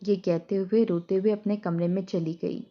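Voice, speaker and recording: A woman's voice: mid-range voice, steady tone, normal speed. Woman narrating a dramatic story. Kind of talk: scripted narration. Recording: dull lo-fi recording.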